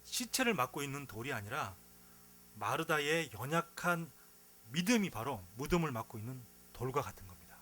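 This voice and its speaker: A man's voice: mid-range voice, moderate pace. A male pastor preaching a sermon, telling stories with feeling and asking the congregation rhetorical questions. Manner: animated storytelling with rhetorical questions.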